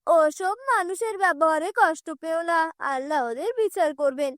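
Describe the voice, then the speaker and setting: A woman voicing a gentle village husband in a cartoon, speaking in a soothing, concerned way. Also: very high voice, animated, normal speed, dry recording, studio quality.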